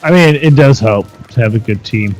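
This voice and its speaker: A man's voice: medium pitch, normal speed, poor audio. Laid-back man chatting over game music. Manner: relaxed, swears casually, self-deprecating. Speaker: podcast co-host. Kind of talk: casual chat while playing a video game.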